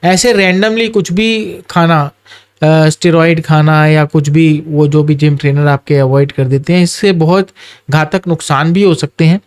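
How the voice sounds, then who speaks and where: An orthopedic surgeon speaks in a measured, advising way, with a voice set a little high for a man. He drops into his explanations as an interview guest. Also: steady tone, smooth. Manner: measured, advising, mixes English phrases.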